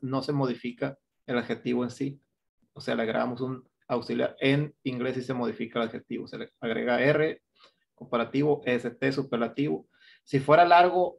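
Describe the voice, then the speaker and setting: Medium-pitched and gravelly, a Mexican Spanish-accented man runs an online English grammar class. He breaks things down step by step, often asking "¿no?".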